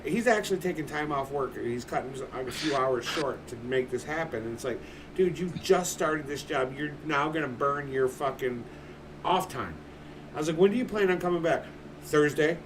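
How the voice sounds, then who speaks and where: A man's voice: mid-range voice, moderate pace. A man in his forties, a livestream host, chatting casually in a blunt, swearing manner. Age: 40s. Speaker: streamer. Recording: distant mic with background noise.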